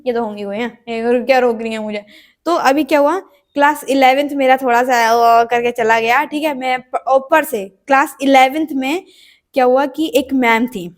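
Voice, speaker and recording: Young woman, high-pitched, storytime vlog, acts out the quotes. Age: young adult. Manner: animated storytelling, acting out quoted voices. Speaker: vlogger.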